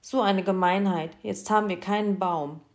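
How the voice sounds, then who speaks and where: A woman's voice: on the low side, animated, normal speed, dark tone, natural voice. A woman voicing a worried young girl in a storybook reading, plaintive in tone.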